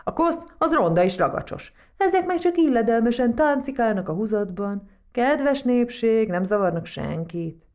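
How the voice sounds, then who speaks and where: A woman playing a relaxed, sunglasses-wearing frog who drawls his lines slowly with easy confidence. The voice carries a gravelly texture. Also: fairly high pitch, pitched above the performer's own voice. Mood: easygoing. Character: cool laid-back talking frog.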